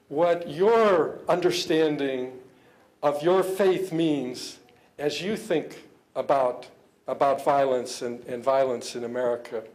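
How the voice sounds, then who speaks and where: An older man, a government official, gives a public speech with prepared remarks at an interfaith gathering. Earnest and measured, he speaks haltingly and often repeats words while searching for the next phrase. His voice is a little high with a darkish tone, and the recording is low quality.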